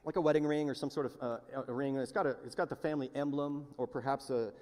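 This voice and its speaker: A male pastor preaching a sermon, swinging between hushed, slow lines and loud, yelled appeals. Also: medium pitch, fairly even intonation. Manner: impassioned, shifts from hushed to yelling. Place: large church hall. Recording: long reverb of a church hall.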